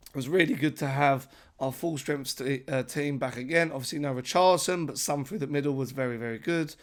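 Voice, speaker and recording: A man hosting a casual football reaction vlog, his voice croaky from a late flight, talking excitedly with emphatic repetitions. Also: medium pitch. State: croaky voice from travel. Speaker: football fan channel host.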